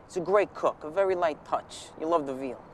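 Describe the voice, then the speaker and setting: A man's voice: fairly high pitch, a little fast, a little mellow, natural voice. Insistent, awkward young suitor played by a man. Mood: coaxing. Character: persistent, awkward male suitor who won't hear no. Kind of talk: TV drama acting. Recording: slightly distant, faint outdoor street noise.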